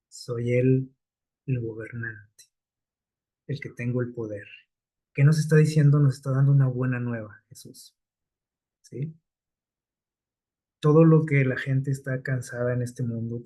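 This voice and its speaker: A man's voice: medium pitch, mellow. A man preaching a sermon in a conversational way, often checking in with his listeners through rhetorical questions.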